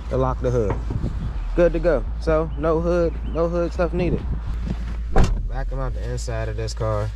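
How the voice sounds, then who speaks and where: A man's voice: medium pitch, unhurried, muffled recording, noisy background. A man filming a casual, slangy walkaround of used cars outdoors, thinking aloud as he checks them over. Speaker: car flipper and vlogger. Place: outdoors on a grassy lot by the cars.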